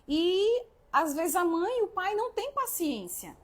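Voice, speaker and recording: Uma mulher jovem que apresenta uma live e fala a outros pais sobre como criar os filhos, de modo sério e animado, e pergunta "né?" a toda hora. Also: female voice, extremely high pitch, measured pace. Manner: earnest, animated, often asks "né?". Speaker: live-stream host, mother giving parenting advice. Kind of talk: casual live-stream talk.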